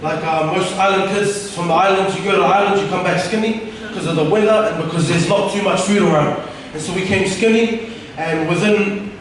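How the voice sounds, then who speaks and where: A man's voice: high voice, a little hiss or hum. A young man from Tonga telling his life story as a church testimony on a stage with a handheld mic, casual and rambling with many fillers. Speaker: church member giving testimony. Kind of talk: personal testimony talk. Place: church stage, large room. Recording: echoey hall from far off.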